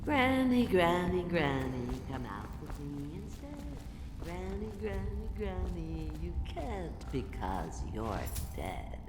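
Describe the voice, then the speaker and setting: Dotty elderly game crone, genteel yet sinister singsong, low pitch, reverberant room. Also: female voice, lively intonation, a little slow, noisy background. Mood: eerie singsong. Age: older. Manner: elderly singsong, muttering and repetitive. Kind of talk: video game character acting.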